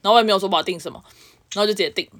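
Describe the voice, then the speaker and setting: A young woman talks very quickly, co-hosting a casual podcast. She tells her stories in an animated way. Her pitch sits in the middle range. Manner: fast, animated storytelling. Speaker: podcast co-host. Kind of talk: casual chat.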